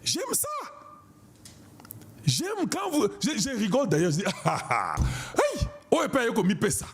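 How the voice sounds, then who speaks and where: This Congolese online political commentator speaks at a moderate pace in an extremely high, husky voice with huge swings in pitch. His impassioned political monologue is emphatic and declamatory, and he repeats things for emphasis.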